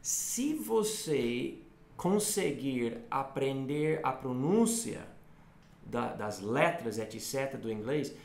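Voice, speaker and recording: Creaky-voiced man teaching. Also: mid-range voice, animated, a little mellow, echoey room. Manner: explains slowly, repeats words for contrast. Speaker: English teacher and co-host. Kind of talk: casual bilingual lesson chat.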